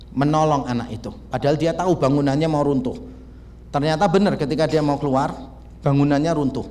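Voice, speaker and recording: A man's voice: on the high side, a little mellow. A male pastor, preaching a sermon in a casual storytelling way and acting out conversations. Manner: conversational storytelling, acts out dialogue. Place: church. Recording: church hall reverb.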